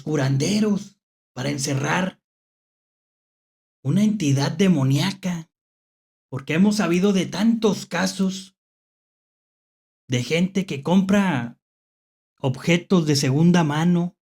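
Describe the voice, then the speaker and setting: Very slow-talking Mexican horror host. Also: medium pitch, vocal fry, a little mellow, slightly rough. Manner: hesitant, repeats phrases, checks in with rhetorical questions. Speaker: host of a horror story show. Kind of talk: unscripted spooky storytelling to an audience.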